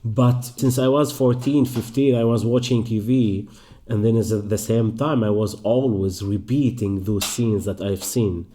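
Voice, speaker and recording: A young man from Palestine speaks English with an Arabic accent, answering interview questions in a low, mellow voice. He talks thoughtfully, pausing and restarting as he works through his answers. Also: steady tone. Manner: thoughtful, halting, many restarts. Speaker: actor and performer. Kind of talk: interview conversation.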